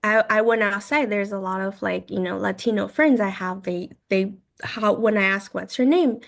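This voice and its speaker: A woman in her twenties from China, a guest telling her story in a casual interview, talking in halting phrases full of "like" and quoted thoughts. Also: medium pitch, vocal fry, a bit bright. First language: Mandarin. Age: 20s. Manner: frequent "like" and "I was like" quoting, halting phrasing.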